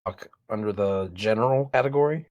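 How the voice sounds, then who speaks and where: A man's voice: lowish voice, a little fast, a little mellow, no room sound, dull audio. A man hosting an online community chat, his voice cutting in and out as his internet connection drops. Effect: choppy, dropping internet voice-call audio. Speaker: host of online community hangout. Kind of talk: casual voice-chat talk.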